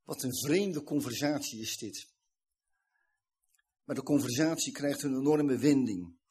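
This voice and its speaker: A man's voice: medium pitch, expressive, measured pace, darkish tone, husky. A man preaching a sermon, earnestly retelling a scripture story and explaining it.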